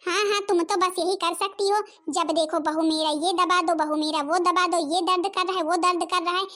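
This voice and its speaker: A woman voicing an angry, sharp-tongued young daughter-in-law in a cartoon, scolding and snapping. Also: very high-pitched, fairly even intonation, normal speed. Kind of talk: Hindi cartoon voice acting.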